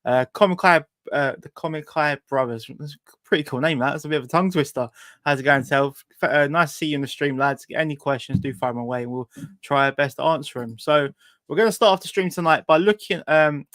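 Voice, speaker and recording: A man's voice: a little high, fast, a bit bright, no room sound. A man with a British accent casually hosting a livestreamed talk show.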